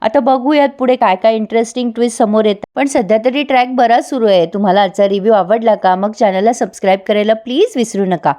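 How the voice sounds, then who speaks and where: A woman retells a serial episode for her viewers. Her voice sits a little high but has a warm, mellow tone. She slips in the characters' lines as she tells the story. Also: fast, few pauses. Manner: animated storyteller quoting each character's lines. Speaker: serial review host.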